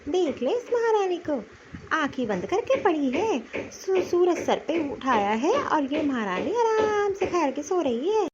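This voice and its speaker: A woman voicing a stout, sharp-tongued old mother-in-law who scolds and nags in a cartoon. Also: very high-pitched, sing-song, a little slow, dull audio, very noisy, full character voice. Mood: scolding. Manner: scolding, nagging. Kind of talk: cartoon voice acting.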